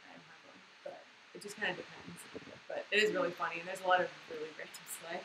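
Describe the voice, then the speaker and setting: A woman's voice: on the low side, steady tone, quick pace. A young woman from Boston gives a casual presentation to a class of English learners, chatting loosely with many fillers. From Boston, USA. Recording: echoey room with background noise.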